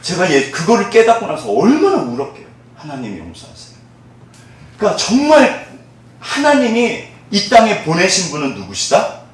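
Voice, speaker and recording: A man's voice: sits high, huge pitch swings, normal speed. A male pastor preaching a sermon, quizzing the congregation and having them repeat after him, often laughing. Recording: very echoey hall, mic at a distance.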